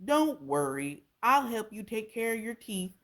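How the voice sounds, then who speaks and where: A woman's voice: on the high side, big pitch swings, unhurried, fairly bright tone, pitched above the performer's own voice. A woman voicing a brave, helpful little male mouse in a storybook, speaking in a reassuring way.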